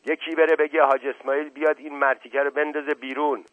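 A man voicing a sarcastic, bullying male schoolteacher who shouts at pupils, in a narrow tinny recording. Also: mid-range voice, no echo, natural voice. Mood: furious. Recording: narrow tinny phone-like sound, dry.

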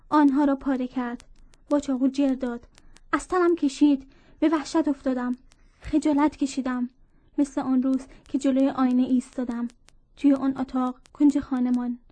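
A woman reading a story aloud in a measured narrating voice, speaking dialogue within the tale. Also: high-pitched, warm tone, no room sound. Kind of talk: audiobook narration.

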